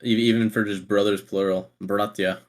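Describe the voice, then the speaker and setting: Low-voiced man rambling on a podcast. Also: level tone, moderate pace. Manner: rambling, restarts often, laughs easily. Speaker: podcast co-host. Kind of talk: casual chat.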